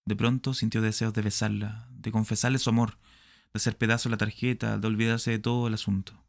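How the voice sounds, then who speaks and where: A man reads a short story aloud with a deep, gravelly voice. His delivery is measured and dramatic, in the manner of audiobook narration. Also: flat delivery, no room sound, clean studio sound.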